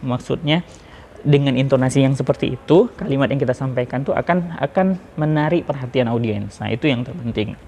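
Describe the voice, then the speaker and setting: Man, lesson on sermon delivery, chatty and relaxed, many fillers, faint hiss behind. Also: medium pitch, fairly quick, vocal fry. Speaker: public speaking teacher. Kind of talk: informal lesson on preaching delivery.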